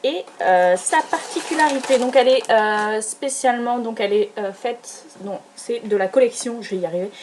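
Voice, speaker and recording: A woman's voice: on the high side, darkish tone, a little hiss or hum. A young adult woman chatting casually through a beauty product haul, gushing and hesitant, with many fillers and restarts. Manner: enthusiastic, gushing. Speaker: beauty vlogger.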